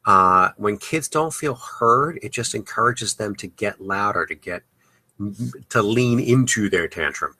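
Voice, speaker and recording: Man, podcast host, parenting advice, casual filler-heavy talk, slightly low, very bright tone. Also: expressive, unhurried, husky. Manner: loose and conversational, many "uh" and "you know" fillers.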